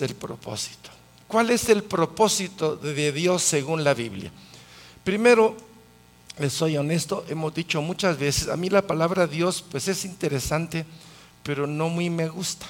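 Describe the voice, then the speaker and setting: Male preacher, a touch high, lively and questioning in his Bible teaching. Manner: asks the audience questions, lively.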